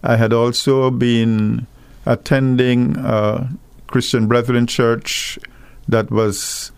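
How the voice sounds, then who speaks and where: A middle-aged man from Guyana with a Guyanese accent, speaking as a guest minister on a radio call-in program, earnest and measured. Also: lowish voice, vocal fry, darkish tone, no room sound. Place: radio studio.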